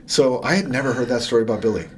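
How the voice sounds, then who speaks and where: A man's voice: medium pitch, rapid-fire, slight background noise. A man co-hosting a podcast, chiming in with supportive agreement and his own reflections. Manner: supportive, frequent agreeing interjections. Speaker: podcast co-host. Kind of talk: casual podcast conversation.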